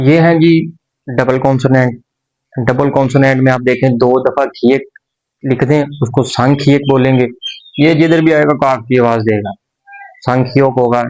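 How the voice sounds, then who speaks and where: Slow, patient man teaching a language. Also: medium pitch, rough recording. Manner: slow, patient explanation with pauses and repetitions. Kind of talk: explaining a lesson.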